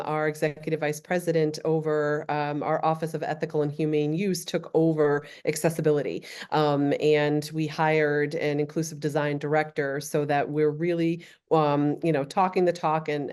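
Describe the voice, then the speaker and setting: Guest woman, low and flat delivery, steady with lots of um fillers. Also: smooth. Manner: measured, frequent ums. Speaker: accessibility director, guest. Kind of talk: conversational interview answers.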